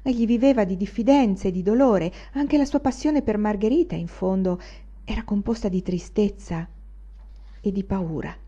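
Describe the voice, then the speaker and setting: A woman narrating a literary audiobook in a measured, expressive reading. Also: mid-range voice, husky, highs cut off. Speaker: audiobook reader.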